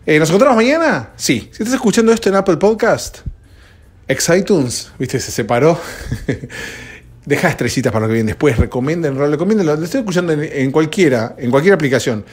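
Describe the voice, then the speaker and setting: At dawn in his home, a sleepy podcast host with a Rioplatense accent chats on his own in a rambling, conversational way. His voice is fairly high, husky and expressive, and he talks fairly quickly.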